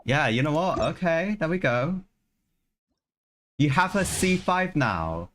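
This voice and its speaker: A man with a slightly high, bright voice talks slowly with big pitch swings as he livestreams a game, game music playing and a little hiss or hum present. He chats casually with viewers, repeating his phrases and calling them lads.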